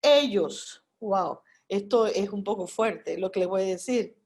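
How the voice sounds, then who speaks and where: A woman's voice: medium pitch, unhurried, a little mellow, husky. A woman preaching a Bible study, reading scripture verses aloud and addressing her listeners directly with emphasis. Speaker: Bible teacher.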